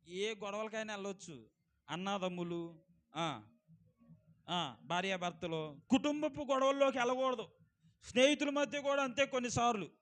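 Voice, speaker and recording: A male pastor preaching a sermon, swinging from loud exclamations to quiet asides and asking the congregation questions. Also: high voice, moderate pace, pauses often. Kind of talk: Telugu church sermon.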